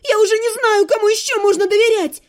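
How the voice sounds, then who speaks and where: A woman voicing a young woman mage who shouts frantic, hysterical demands in an audiobook. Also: extremely high pitch, fairly even intonation, quick pace, pitched above the performer's own voice. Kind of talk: audiobook character voice.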